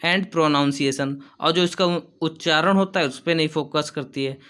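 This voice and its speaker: A male teacher giving an exam-prep lesson, reading English lines slowly and then explaining them in quick, casual Hindi. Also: fairly high pitch, a bit bright.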